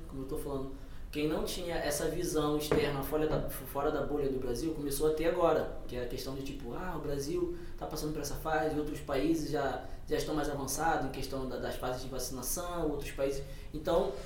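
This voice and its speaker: A man's voice: fairly high pitch, steady tone, fast, a little mellow, distant mic, slight background noise. Brazilian man in a roomy echo. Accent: Brazilian Portuguese. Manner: laid-back, says "mano" often, laughs easily. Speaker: podcast guest. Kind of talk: casual chat. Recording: roomy echo, a bit off-mic.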